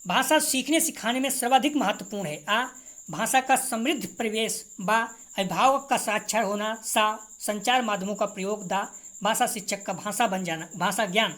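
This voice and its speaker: A woman's voice: mid-range voice, normal speed, fairly bright tone. A woman teacher reads exam multiple-choice questions and answers, repeating each correct answer and informally to her students. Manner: informal, addresses students directly.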